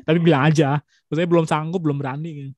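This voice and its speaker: Chatty relaxed young man. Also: a little high, very fast. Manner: relaxed, chatty, many fillers and restarts, laughs often. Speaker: guest speaker. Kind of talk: casual webinar chat.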